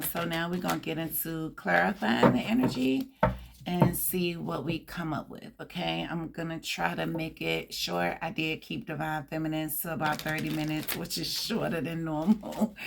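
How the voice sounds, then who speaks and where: A woman with a hoarse, scratchy voice giving a tarot card reading, reading out card meanings and chatting casually to her viewers. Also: low voice. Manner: reads card meanings aloud with chatty asides. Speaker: tarot reader.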